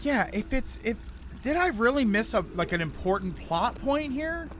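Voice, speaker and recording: High-voiced, animated male game streamer. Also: normal speed, slight background noise. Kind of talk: casual live game commentary, reacting aloud.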